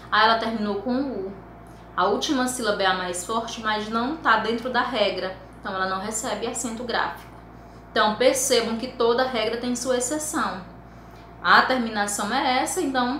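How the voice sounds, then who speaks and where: Bright-voiced woman teaching with patience. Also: fairly high pitch, echoey room, a little hiss or hum. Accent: Brazilian Portuguese. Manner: patient, explanatory, spells out endings slowly. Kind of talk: recorded classroom lesson.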